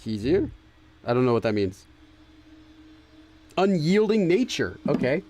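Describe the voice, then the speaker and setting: A man's voice: fairly high pitch, very animated, normal speed, darkish tone, faint music behind. A man hosting a gaming channel, thinking aloud in casual let's-play commentary and hesitating with fillers and restarts as he translates for himself. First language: English.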